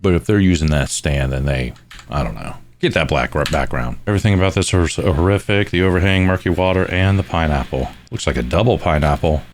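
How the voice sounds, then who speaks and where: A man hosting a fishkeeping channel, reacting to photos in casual, wry commentary full of quick asides. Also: low voice, slight background noise. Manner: wry, joking, thinking aloud with quick asides.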